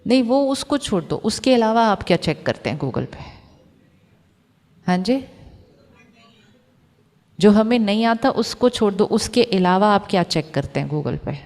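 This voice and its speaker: A woman giving a calm, reflective spiritual talk to an audience of doctors, asking them questions and mixing in English phrases. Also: medium pitch, measured pace, long pauses, in a large hall. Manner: mixes Hindi with English phrases. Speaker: spiritual teacher.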